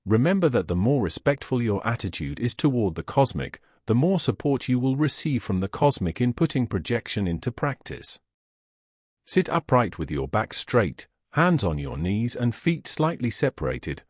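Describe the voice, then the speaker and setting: A man's voice: medium pitch, a little mellow, dry recording, studio quality. Solemn man reading meditation lessons. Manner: measured, solemn instruction. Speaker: reader of esoteric lessons. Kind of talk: scripted narration.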